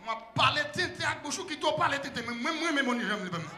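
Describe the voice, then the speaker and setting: A male pastor preaching a fiery sermon, shouting call-and-response to the church, then dropping to quiet asides. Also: extremely high pitch, lively intonation, brisk, reverberant, noisy background.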